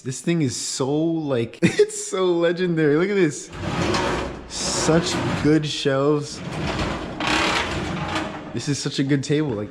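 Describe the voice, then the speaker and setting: A man hosting a casual car vlog, talking in an excited, rambling, slangy way, his voice echoing in a large empty workshop. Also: medium pitch. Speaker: YouTube car-channel host. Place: large, echoey indoor garage workshop. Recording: very echoey, reverberant empty workshop.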